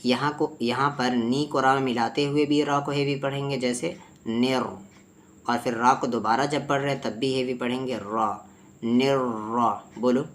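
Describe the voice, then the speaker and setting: A man teaching tajweed. He explains letter sounds and recites slowly, phrase by phrase, for his student to repeat. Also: medium pitch, steady tone, slight background noise. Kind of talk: tajweed lesson with repeat-after-me drills.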